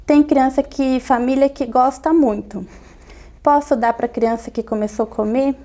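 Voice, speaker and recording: A woman pediatrician calmly explaining step by step in an interview, repeating key points. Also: high voice, moderate pace. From Brazil.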